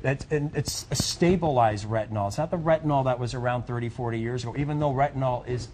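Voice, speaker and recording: A middle-aged man giving a home shopping host's sales pitch, chatty and repetitive, urging listeners directly. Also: fast talker, a little mellow, slight background noise.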